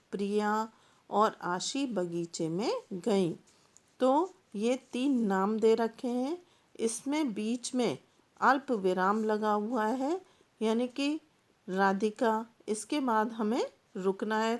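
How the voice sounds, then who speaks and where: A woman teacher giving a patient classroom explanation, pausing often and repeating points with plain examples. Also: a little high, a little mellow.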